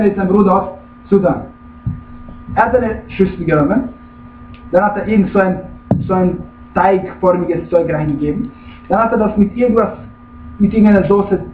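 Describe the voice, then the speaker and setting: A man with a very high voice preaches emphatically and keeps checking in with his listeners. He sounds distant from the microphone in an echoey room. The recording is thin and phone-like, with a faint hum underneath. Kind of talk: religious lecture. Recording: tinny, echoey room, far from the mic.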